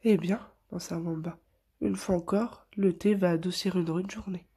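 A woman reading a picture book aloud to children in a soft, hushed storytelling voice. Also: on the low side, steady tone, moderate pace, slightly rough.

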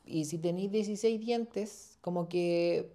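Measured in pace, his voice is high-pitched yet dark in tone. A Chilean man in his twenties who studies dentistry, he talks loosely on a podcast, rambling with slang and lots of fillers. The casual interview was recorded on a lapel mic in a small studio, where he sits in an armchair.

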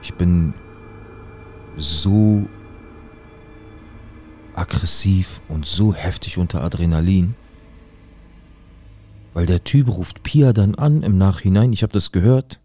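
A man telling his own life story in animated street slang, speaking to his listeners in a casual way. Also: low voice, slow, long pauses.

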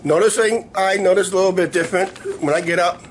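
Middle-aged man, weak sore voice, noisy room. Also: sits high. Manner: rambling, repetitive, halting. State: weak, sore voice after a week of coughing. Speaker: vlogger. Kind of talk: casual video diary chat. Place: small living room, indoors. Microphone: camera at arm's length. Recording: noisy room ambience on camera mic.

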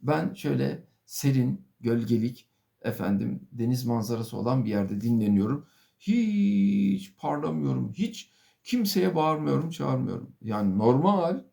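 A middle-aged man, a professor, giving a monologue lecture to viewers, firing off rhetorical questions, calling them dear friends and filling pauses with a formal "sir". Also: medium pitch, creaky, darkish tone. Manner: asks many rhetorical questions and addresses listeners as dear friends; fills pauses with a formal "efendim". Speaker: professor giving a video talk.

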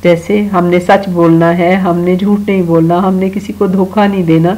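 A woman's voice: lowish voice, little pitch movement, warm tone, low-quality recording. Woman teaching grammar to children. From Pakistan. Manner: explains slowly, addresses children directly, recites verses. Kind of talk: online Urdu grammar lesson for children.

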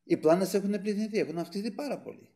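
A man's voice: high voice, animated, mellow. A man preaching a sermon with fervor, swelling on key phrases and often addressing the brethren. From Greece.

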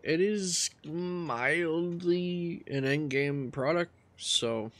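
A man casually talking through his gameplay, relaxed and rambling as he thinks aloud. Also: a little high, drawn-out words. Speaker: gaming channel host.

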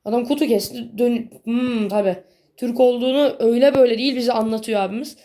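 A woman giving casual gameplay commentary in a blunt, slangy way, quick to get annoyed. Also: on the high side, fairly even intonation, warm tone. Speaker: gaming video creator.

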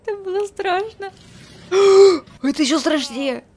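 A woman streamer giving casual reaction commentary with a cute, expressive anime-streamer delivery. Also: on the high side, fast.

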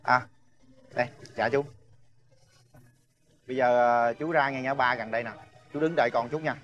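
A young actor with a Southern Vietnamese accent, playing a smooth-talking swindler who coaxes and chuckles his way into a deal. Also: mid-range voice, normal speed, fairly bright tone, muffled recording, faint music behind, natural voice. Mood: coaxing. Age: young adult. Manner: persuasive, coaxing, chuckling often. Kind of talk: TV drama acting.

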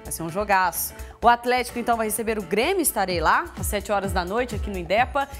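A young woman with a Brazilian accent presenting a lively sports news segment in a TV studio. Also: mid-range voice, fast talker, over music. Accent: Brazilian Portuguese. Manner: lively, laughs along with co-host. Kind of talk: live TV sports segment, chatty.

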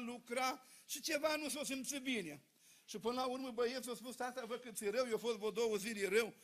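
A man preaching a sermon in church, telling folksy stories to his congregation with lively energy. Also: extremely high pitch. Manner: folksy, animated storytelling to a congregation.

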